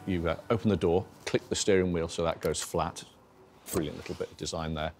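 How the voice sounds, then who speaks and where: Deep-voiced, wry commentator. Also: male voice, steady tone, a little fast. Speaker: car expert. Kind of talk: documentary interview. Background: faint background music.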